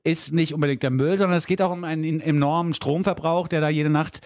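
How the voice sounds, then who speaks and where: A man hosting a radio interview in a studio, asking questions and chatting in a relaxed, conversational way. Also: on the high side, fast. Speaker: radio host.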